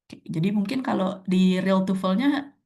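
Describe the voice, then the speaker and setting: A woman's voice: mid-range voice, measured pace, a little mellow. Young woman, online webinar presenter, chatty with fillers and laughs, recorded on a video call mic. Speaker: speaker at an online sharing session.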